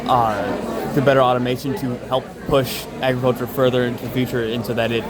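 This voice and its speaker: A young man from Lexington, chatting earnestly and haltingly in a casual interview. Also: mid-range voice, little pitch movement, over music. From Lexington, Kentucky. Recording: loud crowd chatter in busy venue. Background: loud crowd in a public space.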